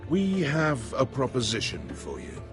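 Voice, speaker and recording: An actor playing a composed noble envoy who speaks politely and measuredly. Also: male voice, medium pitch, wildly swooping pitch, measured pace. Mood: courteous. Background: game music.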